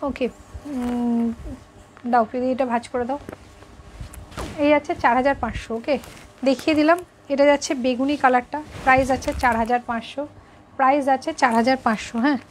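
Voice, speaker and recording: A woman's voice: high voice, steady tone, a little fast, pauses often, a little hiss or hum. A woman, running a live sari sale. She chats with viewers and keeps repeating the prices. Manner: chatty, repeats prices, answers viewers directly. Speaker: boutique owner selling saris live. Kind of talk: live sales stream.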